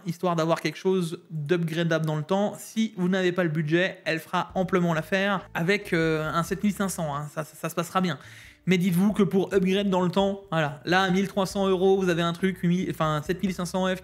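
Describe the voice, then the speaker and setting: A man from Alsace giving a casual, slangy rundown of tech deals to his viewers, laughing often. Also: sits high. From Alsace, France.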